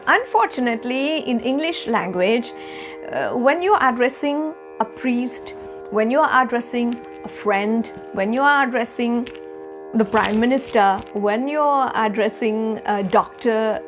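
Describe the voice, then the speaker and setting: A humble Mauritian woman whose first language is Bhojpuri gives a bilingual spiritual teaching video, with music clearly audible behind her. Her voice is a little high, and she speaks gently with many hesitations.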